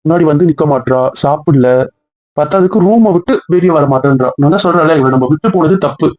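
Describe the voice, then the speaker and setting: Young husband in a home couple skit. Rapid, teasing scolding, slightly high voice, dry lo-fi sound. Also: male voice, no echo. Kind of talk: casual couple banter. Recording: dull, dry lo-fi audio.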